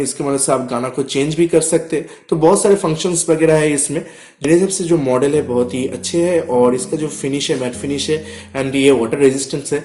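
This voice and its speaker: A product reviewer vlogger with a medium-pitched, slightly mellow voice walks through a casual, hands-on tutorial step by step. He frequently uses check-in words to make sure the listener is following.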